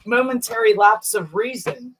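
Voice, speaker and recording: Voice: medium pitch, normal speed, crowd noise, rough recording. A co-host in casual chat, giggly and often apologetic.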